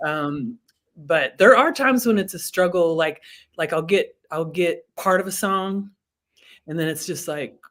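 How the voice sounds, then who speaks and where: A woman who is a singer-songwriter and the guest on a podcast, chatting in a relaxed, easygoing way. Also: on the low side, measured pace. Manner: relaxed, chatty, laughs easily. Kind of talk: casual interview conversation.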